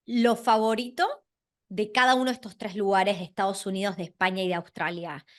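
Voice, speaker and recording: A woman, hosting an interview and asking questions in a lively way. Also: medium pitch, quick pace. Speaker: podcast host.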